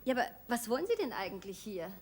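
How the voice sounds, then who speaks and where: A woman's voice: fairly high pitch, very animated. An actress playing a playful, self-assured city woman with a Bavarian accent, pert and flirtatious in a folk theatre comedy. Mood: cool, pert. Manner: playful, pert, quick to retort.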